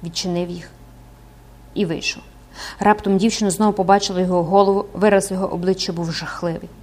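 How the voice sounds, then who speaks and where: A woman narrating a classic novel as an audiobook in an expressive, dramatic way. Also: fairly low pitch, fast talker. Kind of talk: scripted narration.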